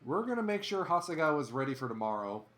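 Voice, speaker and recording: A man with a voice on the high side talks fast while streaming a baseball video game. He gives animated, sportscaster-style calls of every play and chats with his viewers in between.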